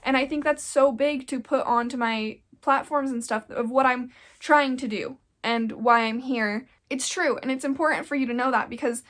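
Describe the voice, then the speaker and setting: In her casual sit-down vlog, a twenty-ish YouTuber, slightly congested from getting sick, speaks earnestly and rambles with frequent "like"s. Her high, slightly bright voice keeps fairly even intonation at a moderate pace, with hardly any pauses.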